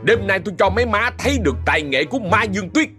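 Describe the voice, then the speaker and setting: A high, shrill young thief, as a male storyteller puts him on, wailing and begging before turning boastful. His voice swings wildly and climbs far above a normal man's speech, over a faint music bed. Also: expressive, fast talker, bright, forceful tone. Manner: wailing, pleading, then boastful. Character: panicky young male thief turned fake ghost.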